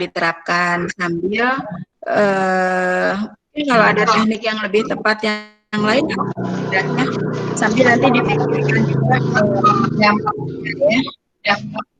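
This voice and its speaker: A woman lecturer giving spoken feedback to students in a counseling class, talking in a thoughtful way with frequent pauses and fillers. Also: mid-range voice, vocal fry, poor audio.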